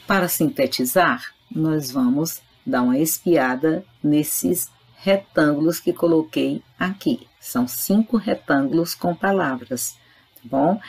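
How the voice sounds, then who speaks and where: Low, husky-voiced woman teaching slowly. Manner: patient, explanatory, addresses students directly. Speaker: Spanish teacher. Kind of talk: recorded online grammar lesson.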